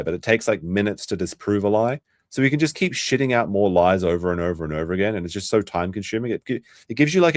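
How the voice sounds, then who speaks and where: Crude and rambling, a young New Zealand-accented streamer host reacts on a livestream, addressing his chat and often restarting his sentences. He has a lowish voice. The audio is studio quality, with no echo.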